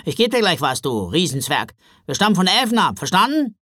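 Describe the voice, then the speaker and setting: Man doing a cheeky squeaky Christmas elf. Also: sing-song, brisk, dry recording, clean studio sound, full character voice. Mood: indignant. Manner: indignant, whiny, loud. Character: cheeky indignant tiny Christmas elf, complaining.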